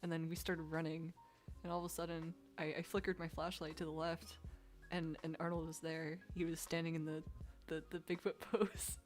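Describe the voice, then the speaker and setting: A woman chatting casually on a stream, slow and giggly. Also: low voice, flat delivery, soft background music. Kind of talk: casual group chat on stream.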